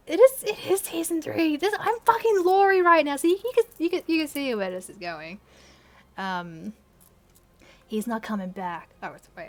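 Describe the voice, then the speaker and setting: Woman, slightly high voice, reads an old story aloud, sarcastic asides, swears a lot. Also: a little mellow. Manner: sarcastic, swears often, breaks off to laugh at her writing. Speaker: YouTuber reading her old story. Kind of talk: reading aloud with mocking commentary.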